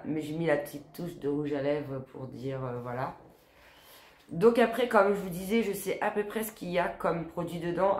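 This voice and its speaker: A woman in her forties chatting casually as a beauty vlogger, with a nasal, stuffed-up smoker's voice that sounds tired. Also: deep voice. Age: 40s. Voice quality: nasal, congested; smoker's voice, not soft. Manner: chatty, informal, tags sentences with quoi and hein. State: blocked nose, tired. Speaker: beauty box unboxing vlogger. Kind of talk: casual chat to camera. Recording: echoey, roomy sound.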